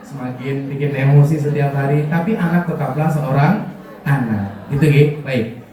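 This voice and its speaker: Heard from a distance in a very echoey school hall, this parenting speaker from Kulon Progo, Yogyakarta, Indonesia, talks to parents at a moderate pace in a warm, mid-range voice with a Javanese accent. His religious talk is full of jokes, and he frequently quizzes the audience.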